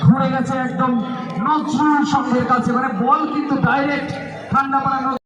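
A man giving excited, dramatic live football commentary with emphatic, repeated exclamations. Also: extremely high pitch, moderate pace, background noise. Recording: echoing dull PA, distant, crowd around.

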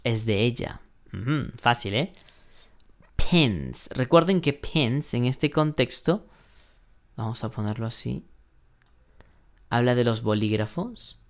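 Male language teacher, unhurried, patient step-by-step delivery, mid-pitched, keyboard clicks behind. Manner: patient, explains step by step with frequent "ujú" and "¿no?"; slows down sharply when pronouncing English examples. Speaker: English teacher. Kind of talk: online English lesson taught in Spanish.

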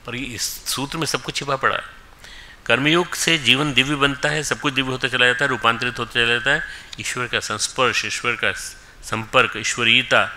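Bright-voiced man giving a spiritual discourse. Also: mid-range voice, slight background noise. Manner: emphatic, mixes Hindi with English phrases; directs the audience, calling students forward. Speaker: spiritual teacher.

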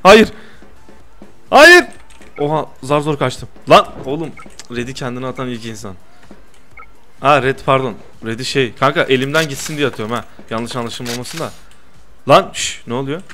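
A young man doing lively gameplay commentary, teasing his friend and protesting loudly to his viewers. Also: medium pitch, a little fast. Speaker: gaming YouTuber.

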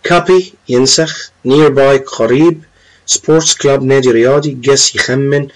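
A young man with an Egyptian Arabic accent teaching a lesson, reading English words slowly and then explaining them. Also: medium pitch, steady tone, poor audio. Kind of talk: classroom-style lesson explaining vocabulary.

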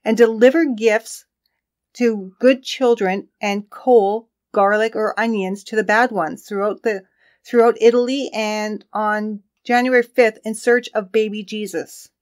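A woman co-hosting a casual true crime podcast tells the story of the case, chatting in a relaxed way and laughing often. Her voice has an ordinary middle pitch and a measured pace.

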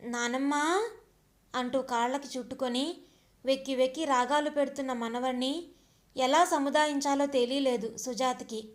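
High-voiced woman storyteller. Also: normal speed. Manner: expressive, reflective narration with rhetorical questions. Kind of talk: audio story narration.

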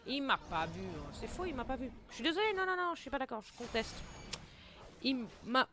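A woman hosting her gaming channel, giving excitable play-by-play commentary, taunting enemies and muttering to herself, jittery from too much coffee. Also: sits high, a little fast. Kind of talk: live gameplay commentary.

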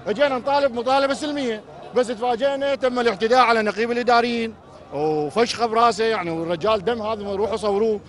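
Very fast, high-voiced Iraqi protester. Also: male voice, a faint crowd. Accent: Iraqi Arabic. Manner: aggrieved, rapid complaint. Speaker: protesting hospital administrative worker. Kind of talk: street interview at a protest. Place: outdoors at a city street protest.

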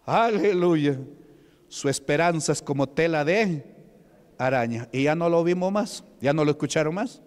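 A man with a Peruvian Spanish accent preaching a fervent sermon, scattering interjections of praise and slowing down and rising in pitch for emphasis. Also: animated, smooth. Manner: slows and rises for emphasis. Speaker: pastor. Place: church hall. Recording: reverberant church hall.

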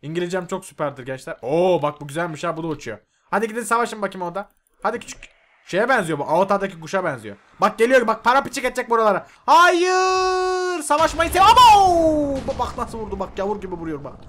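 A young man giving loud, excitable gameplay commentary, swearing and yelling at the mobs on screen. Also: sits high, rapid-fire, slight background noise. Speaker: gaming YouTuber. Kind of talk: Minecraft mod review commentary.

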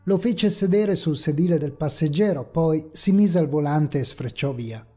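A man narrating a horror story in a measured, ominous way. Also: fairly high pitch. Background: faint dark ambient music.

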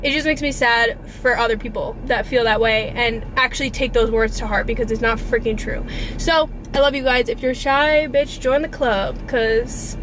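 A woman in her twenties talks to camera from inside a car in an earnest, confessional, informal vlog with mild profanity. Her slightly high, somewhat bright voice keeps a steady tone at a moderate pace. The recording is rough, with clear background noise.

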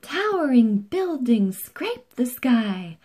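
A woman reading a picture book aloud to children in a playful, expressive way. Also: a little high. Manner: animated, playful, slow and expressive. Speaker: storybook reader.

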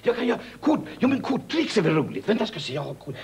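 A man's voice: sits high, sing-song, creaky, very noisy, full character voice. A giggly, lonely night watchman. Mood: showy. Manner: giggly, rambling, tells silly jokes. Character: jolly, lonely, chatty male night watchman. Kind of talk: 1970s TV comedy acting.

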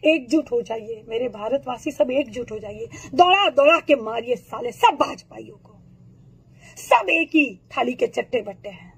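A woman with a worn, hoarse throat rants at the camera in a high, strained voice. She is furious and accusatory, firing insults and rhetorical questions one after another. It is a raw, impassioned political outburst. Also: animated, normal speed, poor audio.

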